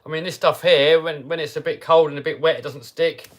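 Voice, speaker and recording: A man's voice: fairly high pitch, flat delivery, brisk, a bit bright. A man hosting a casual livestream, chatting easily, laughing often and reading out viewers' questions. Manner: chatty and easygoing, laughs often, reads chat questions aloud. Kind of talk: casual live chat.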